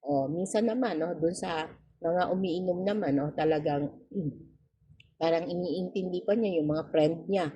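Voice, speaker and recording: A woman giving a tarot reading straight to the viewer, polite and gentle, tagging nearly every phrase with a questioning "no?". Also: on the low side, measured pace, breathy edge, dull audio. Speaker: tarot reader.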